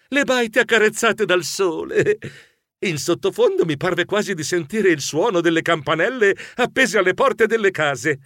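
A man narrating a children's story in a theatrical, comic way. His voice sits fairly high and leaps all over the place, full of exclamations. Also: fairly bright tone, no room sound, studio quality. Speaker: audiobook narrator. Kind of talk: scripted first-person narration.

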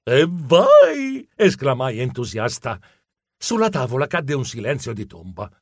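A man narrating a children's story in an animated, comic and expressive way. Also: medium pitch, moderate pace, slightly rough, no echo, studio quality. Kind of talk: audiobook narration.

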